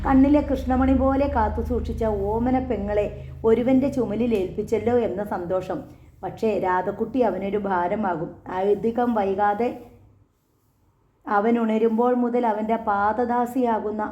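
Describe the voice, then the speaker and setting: Mellow-voiced woman narrating a story. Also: medium pitch, roomy sound. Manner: measured, dramatic reading. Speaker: audiobook narrator. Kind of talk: scripted narration. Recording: dull lo-fi audio.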